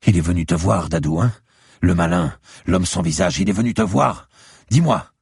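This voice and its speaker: Guy putting on an old tearful mystic lady, urgent and pleading, raspy, dry close sound. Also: expressive, normal speed, a little mellow, dry recording, heavily acted. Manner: pleading, urgent, raised high voice. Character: tearful old woman neighbor, mystical, frantic.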